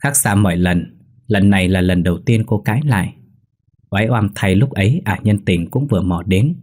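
A man narrating a scripted story in a steady, measured reading. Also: lowish voice, breathy edge.

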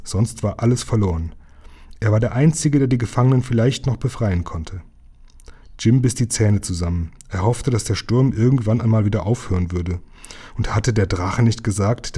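Brief: man reading a children's story aloud, calm and measured, warm low voice with a husky edge. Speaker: reader.

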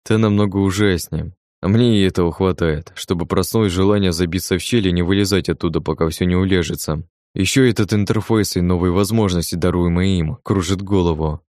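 A man narrating a first-person audiobook in a calm, even manner. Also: low-pitched, fairly quick, no room sound, clean studio sound.

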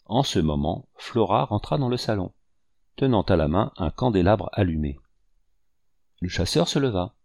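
Un homme qui lit un roman d'aventures, sur un ton de récit mesuré. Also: male voice, on the low side, animated, a little mellow, dry recording. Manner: measured storytelling. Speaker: audiobook narrator. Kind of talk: scripted narration.

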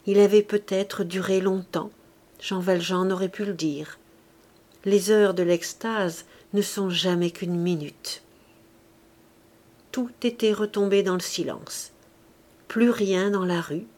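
A woman narrating a classic novel for an audiobook at a slow, unhurried pace. Her reading is measured and even, at times sinking into a soft whisper. Her pitch sits in a middling range. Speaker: audiobook reader.

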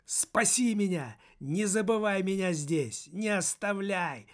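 Guy voicing a panicky shifty man, frantic warnings, louder and a bit higher. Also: lively intonation, takes it slowly. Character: agitated frightened man, shifty and pleading. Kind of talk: audiobook character reading.

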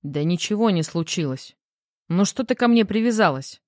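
A woman's voice: on the low side, normal speed, no room sound, clean studio sound, close to an everyday voice. A woman reading the part of a rattled, irritable grown man who answers curtly in an audiobook. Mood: snapping. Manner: curt, defensive replies.

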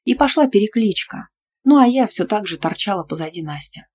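A woman narrating a first-person audiobook in a lively, playful, ironic way. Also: medium pitch, brisk, slight background noise.

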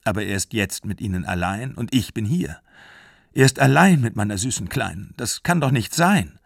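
A distraught young mother pours out her fear in an earnest, pleading way, voiced by a male audiobook reader. The voice is gravelly and sits close in a dry, deadened sound. It keeps a steady, literary reading pace. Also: on the low side, normal speed, no room sound, full character voice. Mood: desperate.

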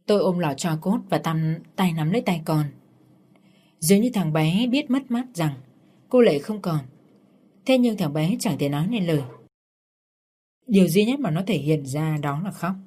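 A woman's voice: fairly low pitch, expressive, moderate pace, pauses often, mellow, breathy edge. A woman narrating a dramatic story in the first person, reading all the characters' lines herself. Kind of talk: storytelling narration with voiced dialogue.

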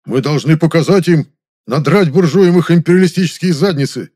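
A man voicing a loud, bossy older male film official in an audiobook, scolding and booming. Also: fairly quick, close to an everyday voice. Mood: persuasive.

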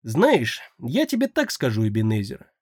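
A man's voice: mid-range voice, wildly swooping pitch, moderate pace, a little mellow, husky, no echo. A man voicing a hardened male necromancer who speaks in a dry, sardonic, reasoning way, in an audiobook. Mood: wry.

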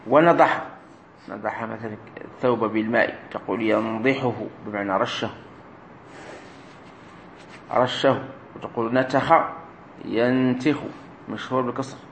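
A man teaching a grammar lesson as a sheikh, explaining slowly, repeating key words and drilling verb forms aloud. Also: mid-range voice, fairly even intonation. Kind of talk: recorded classroom lesson. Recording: roomy echo with faint room noise.

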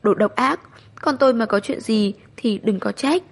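A woman's voice: on the high side, moderate pace. A woman doing a furious young stepmother. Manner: sharp, scolding. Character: angry young stepmother, shrill and accusing.

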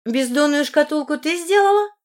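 A woman voicing a shrill, imperious young princess who talks loud and sharp. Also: lively intonation, moderate pace.

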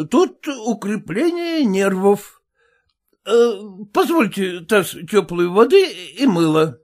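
A woman voicing a middle-aged male village medic who has been drinking, rambling and defensive in a slow, hesitant way. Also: extremely high pitch, exaggerated voice. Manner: rambling, self-justifying, drawn-out hesitant speech.

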